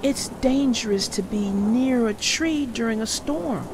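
A woman voicing a caring fox mother in a storybook, protective and gently warning. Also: a little high, a little slow, noisy background.

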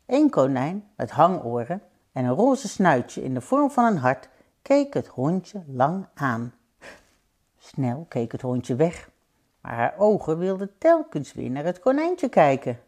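A woman reads a children's picture book aloud in an unhurried, gentle way. Her fairly low voice is very lively, rising and falling with the story, and she adds playful sound effects along the way.

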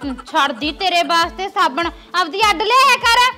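A woman's voice: very high voice, animated, moderate pace. A woman playing a bossy, bedridden village wife, nagging and teasing her husband. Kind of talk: rustic comedy sketch acting.

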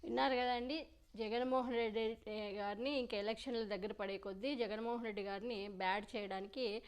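A woman's voice: a little high, fairly even intonation, fairly quick, clear, resonant tone. A woman giving insistent political commentary on her channel, repeating her warnings.

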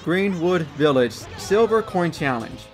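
A man's voice: on the high side, animated, a little slow, soft background music. A young man narrating a gaming trivia video in a casual, wry way, with sarcastic asides.

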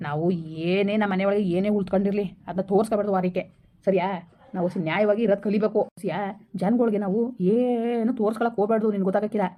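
A woman's voice: medium pitch, steady tone, fast talker, lo-fi sound, lightly acted. Woman playing a scheming village brother. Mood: persuading. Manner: hushing, persuasive, bossy. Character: scheming village elder brother, middle-aged man, election-obsessed. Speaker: comedy skit actor. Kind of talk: village comedy skit.

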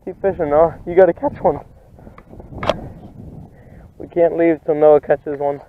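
A young man fishing at a pond bank, teasing his friend and calling out excitedly when fish bite. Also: fairly high pitch, a little slow. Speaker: fishing vlogger. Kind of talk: excited outdoor commentary. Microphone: head-mounted action camera. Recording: tinny lo-fi camera audio with wind noise.

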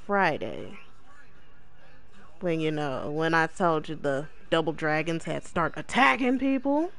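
Guy casually narrating his wrestling game, folksy, slow, pitch goes all over. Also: big pitch swings, creaky, fairly bright tone. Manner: folksy, says y'all. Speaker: gaming video host.

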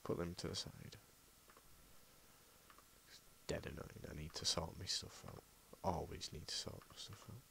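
A man's voice: sits low, measured pace, vocal fry, long pauses, rough recording. A man rambling through gameplay commentary as host, often muttering under his breath, recorded on a laptop mic. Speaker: gaming channel host. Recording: loud background noise.

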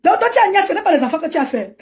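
A woman's voice: very high voice, a little mellow. A woman ranting and mocking on a live stream from home, laughing often as she talks into her phone. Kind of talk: animated Facebook live rant.

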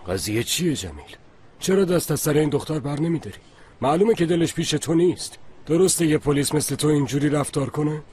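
A man's voice: fairly high pitch, lively intonation, a little mellow, close to an everyday voice. A man dubbing a stern senior police chief in a TV drama, reproaching a subordinate. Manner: reproachful, questioning. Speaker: police superior. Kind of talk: dubbed TV drama.

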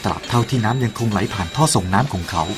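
A fairly low-pitched male voice delivers a parable rapid-fire, talking to the listener directly with earnest conviction. Quiet music accompanies the recording.

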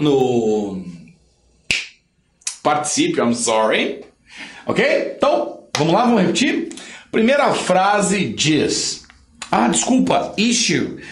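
A Brazilian man gives an English lesson with emphatic, motivating energy and leads his learners through repeated drills. His voice sits fairly high and swings widely in pitch, and he takes his time over each phrase. A roomy echo surrounds him. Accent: Brazilian Portuguese. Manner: emphatic and lively, drills phrases by repetition, pushes learners to work hard. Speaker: English teacher. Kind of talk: online language lesson.

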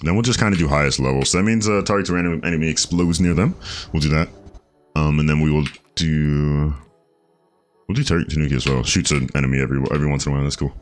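A man streaming a game, chatting casually, reading chat aloud and thinking out loud. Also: extremely low pitch, fast talker, faint music behind. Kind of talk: casual gameplay commentary.

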